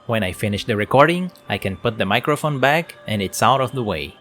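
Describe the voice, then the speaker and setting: A man's voice: lowish voice, expressive, fairly quick, a bit bright, faint music behind. A man giving a plain, explanatory product review at his home work desk, speaking into a desk mic on an arm. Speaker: tech reviewer.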